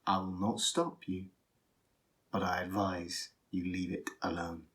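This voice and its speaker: A man voicing a stern fairy lord who gives a low, solemn warning in a hushed voice. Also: level tone, a little slow. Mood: ominous.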